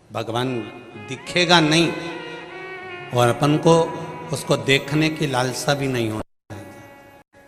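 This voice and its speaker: A male preacher giving an animated devotional sermon with stories, repeating phrases and swelling to loud calls. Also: mid-range voice. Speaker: religious preacher. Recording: long hall reverb, faint music.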